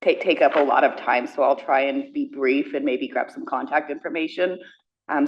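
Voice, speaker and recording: A woman speaking for her community at a council meeting, briskly listing practical complaints. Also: rumbling low, highs cut off.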